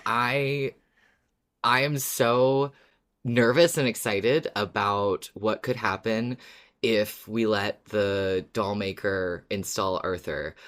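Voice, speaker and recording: A podcast co-host with a medium-pitched, fairly bright voice talks informally about a favourite show, starting with a scripted recap and moving into casual fan discussion. The delivery is sweary and often broken by laughter.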